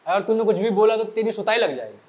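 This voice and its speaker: A man doing an irritated father who snaps and scolds, short of breath from climbing and in no mood to listen. The voice sits high for a man, told inside a classroom story. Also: expressive, quick pace, a little mellow. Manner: snapping, scolding. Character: angry middle-aged father, out of breath.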